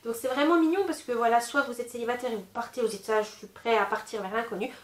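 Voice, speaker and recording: Woman tarot reader, casual and chatty, slightly high voice, roomy echo. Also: quick pace. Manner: chatty, many fillers like "voilà" and "euh"; gentle advising tone.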